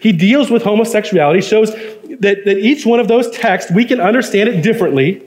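A man's voice: sits high, fairly quick, darkish tone. A man preaching a sermon, earnest and emphatic, reading quotations aloud and building to firm points. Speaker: pastor.

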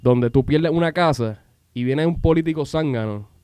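A man's voice: a little high, normal speed, clear, resonant tone, no room sound. A Puerto Rican man hosting a casual podcast chat, telling stories animatedly and acting out what people said. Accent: Puerto Rican Spanish. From Puerto Rico. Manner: animated storyteller, acts out quotes, swears casually. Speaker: podcast host.

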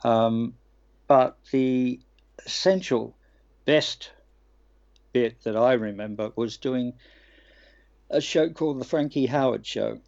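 A man's voice: mid-range voice, slow pace, vocal fry, long pauses, a little mellow, lo-fi sound. An older man, a voice actor telling rambling anecdotes as an interview guest, with frequent ums and restarts. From Australia. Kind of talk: relaxed anecdotal interview talk.

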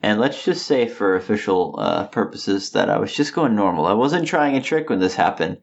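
A man's voice: fairly low pitch, expressive, moderate pace, vocal fry, lo-fi sound. A man in his late twenties, chatting casually as podcast co-host, with a slight lisp as he rambles through a story. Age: late 20s. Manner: slight lisp from knocked-out teeth. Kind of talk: casual chat.

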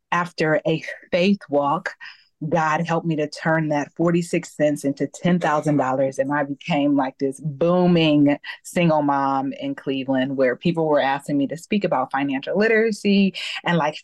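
A woman's voice: low-pitched, no echo. A woman guest on an interview show, telling her personal faith story in an earnest, storytelling way. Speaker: guest, accountability coach. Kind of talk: personal testimony in a podcast interview.

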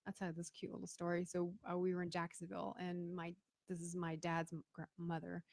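Middle-aged woman from Florida, creaky gravelly voice, dry close sound, chatty storyteller. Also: fairly low pitch, monotone, brisk, a little mellow, no room sound. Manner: chatty, acts out quoted voices. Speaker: guest, business owner and veteran. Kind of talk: casual storytelling interview.

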